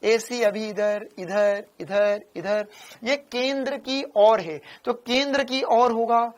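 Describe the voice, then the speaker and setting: A male physics teacher with a Hindi accent talks through an online exam-prep lecture. His voice is hoarse and worn from shouting. He stays animated and teasing, scolding students in a playful way. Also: sits high, slow.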